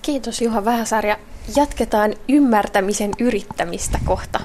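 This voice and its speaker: A woman presenting the program, introducing and closing the segment briskly. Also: a little high, darkish tone, slight background noise. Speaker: host.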